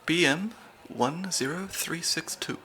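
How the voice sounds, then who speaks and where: In an ASMR audio roleplay, a young man plays a stand-in spy handler who is nerdy, a bit anxious, and dryly witty. His slightly high voice moves slowly in a full character performance, soft-spoken and analytical, though the audio quality is poor.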